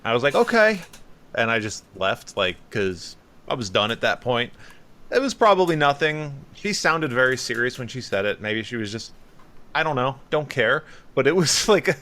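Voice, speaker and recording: A man's voice: medium pitch, normal speed, pushed and bright. A man in his thirties, a podcast co-host telling stories in casual chat and acting out other people's voices.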